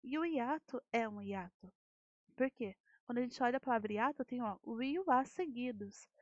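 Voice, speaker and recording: A woman's voice: on the high side, animated, normal speed, no room sound. A Brazilian Portuguese-speaking woman teacher explaining a grammar lesson, asking rhetorical questions and often checking with "né". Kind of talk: recorded classroom lesson. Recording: dull lo-fi dry audio.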